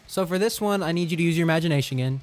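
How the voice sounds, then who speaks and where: A man's voice: on the high side, very fast, soft background music. A man giving a casual, informal, encouraging lesson to viewers as a vocal coach. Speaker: vocal coach in metal screaming. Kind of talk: casual instructional talk to viewers.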